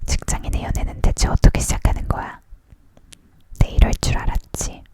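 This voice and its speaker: Hushed whispering ASMR book reader, leaning in. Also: brisk. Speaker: storyteller reading a book aloud. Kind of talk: whispered ASMR reading of a novel.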